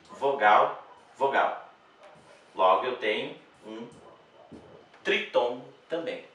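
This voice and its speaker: A man gives an exam-prep grammar lesson in a very echoey room, picked up from across the space. His tone is bright and forceful. He speaks slowly, repeats key words, and checks with the class as he goes. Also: mid-range voice, far from the mic. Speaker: Portuguese teacher.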